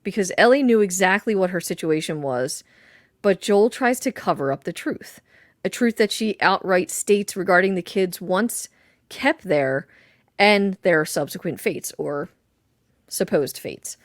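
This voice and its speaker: A woman co-hosting a casual podcast chat about a video game, thoughtful and quick to laugh, recorded close on a desk mic. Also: lowish voice, animated, no echo. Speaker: podcast co-host.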